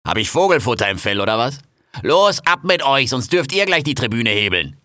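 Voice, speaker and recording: A man's voice: medium pitch, very animated, fairly quick, sharp tone, dry recording, clean studio sound. A man voicing a blunt, busy foreman who barks casual, slangy orders. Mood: brusque. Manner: brusque, casual colloquial orders.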